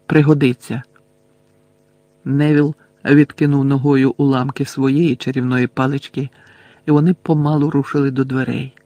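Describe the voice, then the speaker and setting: A man reading a novel aloud in a steady storytelling manner. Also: mid-range voice, moderate pace. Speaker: audiobook narrator. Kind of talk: scripted narration.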